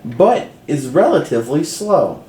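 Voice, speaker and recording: A man's voice: fairly high pitch, very animated, a little slow, warm tone. A man running a tabletop game as game master, narrating casually with fillers. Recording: roomy echo, faint background noise.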